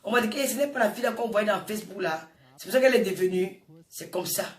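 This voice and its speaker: Here a fortysomething woman with a Francophone African accent rants to her online audience, quick and mid-pitched, hammering her points home by repeating herself. The impassioned monologue is casual in tone, captured on a distant microphone in a reverberant room.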